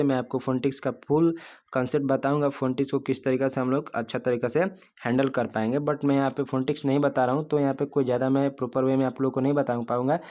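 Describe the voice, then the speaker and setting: A Hindi-speaking male English teacher with a medium-pitched, warm voice presents a classroom-style video lesson. He explains step by step, asks frequent rhetorical questions, and slowly drawls out sounds and syllables for the class to repeat. The recording is dull and lo-fi.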